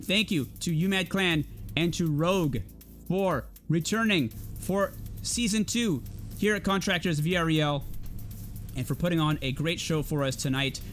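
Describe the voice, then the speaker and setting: Excitable high-voiced male esports caster. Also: normal speed, soft background music. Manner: excitable, thinks aloud, chatty. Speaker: tournament caster and host. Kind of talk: live esports commentary.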